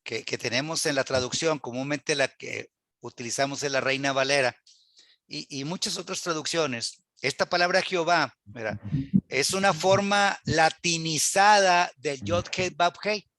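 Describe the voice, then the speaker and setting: A man's voice: fairly high pitch, moderate pace, sharp tone, no echo. A man teaching a Bible Hebrew class to a church group, earnest and full of rhetorical questions, quoting scripture aloud.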